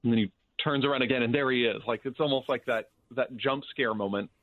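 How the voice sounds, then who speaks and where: A man co-hosting a casual podcast chat, an animated storyteller who acts out quotes. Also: mid-range voice, fast, no echo. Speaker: podcast co-host. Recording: tinny phone-like dry sound.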